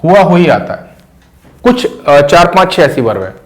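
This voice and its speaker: A middle-aged man teaches English grammar in a voice that sits slightly high. He breaks phrases into single words and repeats them slowly so students can follow. He speaks into a close mic. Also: sing-song. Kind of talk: classroom grammar lesson.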